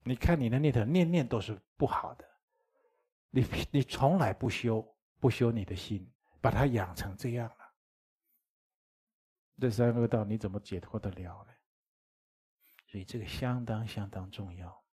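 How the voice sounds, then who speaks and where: A man's voice: lowish voice, moderate pace, pauses often, warm tone, husky. A man giving a dharma lecture as a Buddhist teacher, speaking conversationally, chuckling and asking his listeners rhetorical questions.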